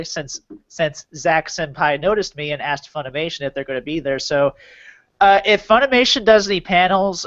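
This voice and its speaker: A man's voice: fairly high pitch, fairly bright tone, clean tone. A man hosting a casual podcast, rambling along and often repeating or restarting his phrases. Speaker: podcast host. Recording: dull lo-fi audio.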